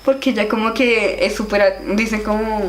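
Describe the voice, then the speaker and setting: A young woman chatting about a children's book in an animated, giggly way. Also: medium pitch, normal speed. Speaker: vlogger reviewing a children's book. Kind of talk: casual book-review vlog. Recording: echoey room with background music.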